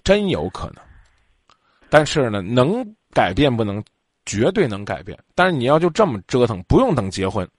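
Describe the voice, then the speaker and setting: A man's voice: mid-range voice, normal speed, dry recording, studio quality. A man hosting a call-in advice show, talking bluntly and scolding the caller. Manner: blunt, lively, scolding, acts out quotes. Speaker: radio advice show host.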